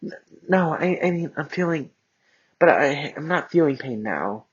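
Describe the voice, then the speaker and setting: A man voicing a flustered young woman in a squeaky, exaggerated falsetto. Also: takes it slowly, husky, highs cut off, exaggerated voice. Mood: timid.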